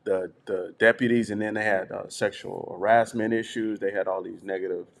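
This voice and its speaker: A middle-aged man with a lowish voice co-hosts a relaxed group podcast. He tells stories at an easy pace, backing up to repeat words and checking in with his listeners as he goes. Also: brisk, creaky, a little hiss or hum. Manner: storytelling, repeats words, often says "you know what I'm saying". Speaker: podcast co-host. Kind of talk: casual group chat.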